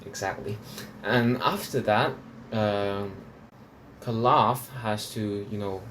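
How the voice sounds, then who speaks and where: Slowly and with fairly even intonation, a man from Hong Kong talks through opera recordings in a fairly low, fairly bright voice. Slight background noise is present. His delivery is rambling and casual, with many restarts and fillers, and laughter between points.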